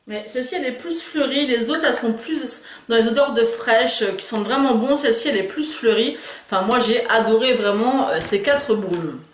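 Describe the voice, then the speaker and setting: A woman's voice: fairly high pitch, moderate pace, reverberant. A woman chatting enthusiastically about store purchases in a casual haul video, hesitating often. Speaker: beauty and lifestyle YouTuber.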